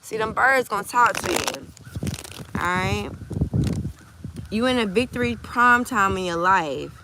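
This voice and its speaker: A woman giving a casual, animated tarot reading outdoors by the water into a phone camera, swinging between hushed and loud. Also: medium pitch, a little slow, noisy background. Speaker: tarot reader. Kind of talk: casual emotional tarot vlog.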